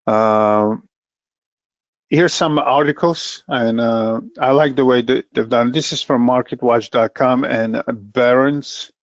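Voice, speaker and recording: A middle-aged man presenting a trading webinar as an account manager, talking plainly with many pauses and fillers and a dry sense of humor. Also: mid-range voice, dry recording. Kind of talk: educational market webinar. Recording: dull lo-fi dry webinar audio.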